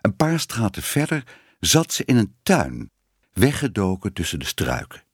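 A man reading a children's story aloud with an expressive, lingering storyteller delivery. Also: fairly low pitch, measured pace, husky, dry recording, studio quality. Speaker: audiobook narrator.

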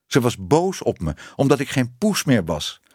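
A man's voice: medium pitch, very animated, normal speed, darkish tone, breathy edge, no room sound, clean studio sound. A man voicing a shy, hesitant young woman who used to be a cat. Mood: pleading. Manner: timid, hesitant.

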